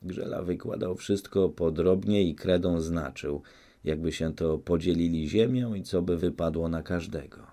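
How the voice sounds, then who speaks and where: A man narrating a classic novel as an audiobook, in a steady, measured reading. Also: sits low.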